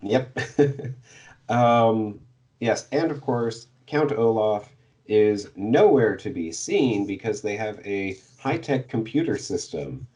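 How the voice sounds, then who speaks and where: A man's voice: on the low side, lively intonation, takes it slowly, warm tone. A man co-hosting a podcast, summing up a book's plot in casual chat, hesitant with many fillers and little laughs. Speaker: podcast co-host giving the plot summary.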